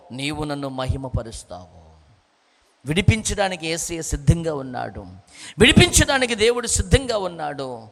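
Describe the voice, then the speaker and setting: High-voiced fervent male preacher, echoing hall. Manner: fervent preaching, rhetorical questions, repeated calls to listeners; swells to near-shouts in climaxes. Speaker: pastor. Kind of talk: morning prayer sermon. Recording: long hall reverb.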